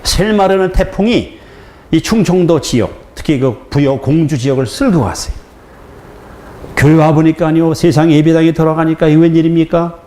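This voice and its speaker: A man preaching a sermon as a pastor, telling a story with lively acted-out dialogue and laughter. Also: a little high, normal speed. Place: church sanctuary. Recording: echoey church hall with faint noise.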